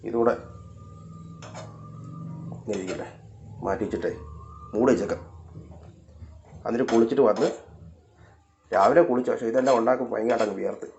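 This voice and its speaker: A man's voice: medium pitch, brisk, long pauses, a little mellow, muffled recording, slight background noise. A man talking casually through his home cooking for a vlog, chatting to viewers and his cats. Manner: chatty self-narration, coaxing baby talk to his cats. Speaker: cooking vlogger.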